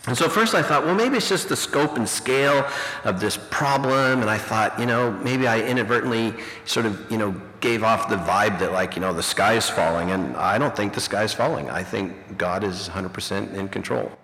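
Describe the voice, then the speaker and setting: A man's voice: fairly low pitch, normal speed, fairly bright tone. A middle-aged man preaching a conversational, reflective sermon as a pastor and teacher, full of "you know", heard through a fuzzy, distorted recording. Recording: distorted, reverberant hall recording.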